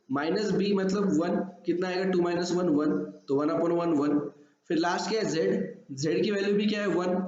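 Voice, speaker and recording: A man's voice: high voice, warm tone. A man teaching an exam-prep math lesson, quizzing students with rhetorical questions. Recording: echoey room, slightly dull audio.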